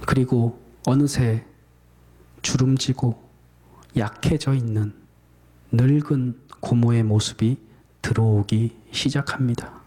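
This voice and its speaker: A man's voice: medium pitch, fairly even intonation, slow, pauses often, warm tone. A male pastor preaching a sermon, telling a story in a dramatic, emotive way.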